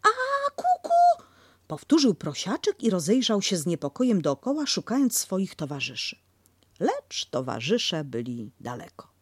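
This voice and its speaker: A woman narrating a children's storybook in an expressive, animated way. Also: fairly low pitch, normal speed, slightly rough, dry recording.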